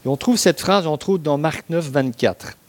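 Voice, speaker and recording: A man with a slightly high voice preaches a sermon. He explains the passage in a relaxed, talky way, breaking off for asides and asking his listeners rhetorical questions. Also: normal speed.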